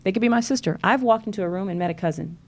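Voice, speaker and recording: A podcast guest from Louisiana with a Southern American accent talks very fast in a mid-range voice during a casual interview chat. She comes across as earnest and encouraging, with many fillers.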